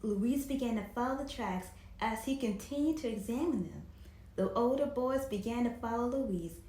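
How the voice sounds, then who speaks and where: Reading aloud to children at normal speed, this storytime host has a voice on the high side. She performs expressively and speaks straight to her listeners. The home recording has a roomy echo.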